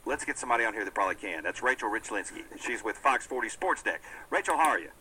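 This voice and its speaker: A man's voice: lowish voice, fast, pushed and bright, a little hiss or hum, poor audio. A man hosting a live sports show, upbeat and self-deprecating in his banter. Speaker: sports radio host.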